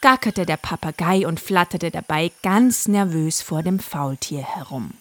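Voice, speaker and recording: A woman narrating a children's story in a lively, playful way. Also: low voice, measured pace.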